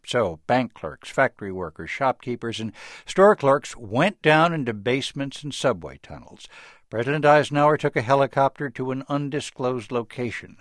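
A man reading a scripted news report in a measured, even way. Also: mid-range voice, no room sound, clean studio sound. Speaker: news correspondent.

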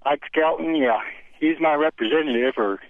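Halting male caller on a clipped phone line. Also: a little high, dry recording. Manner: halting, hesitant, many ums. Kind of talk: call-in to a talk show.

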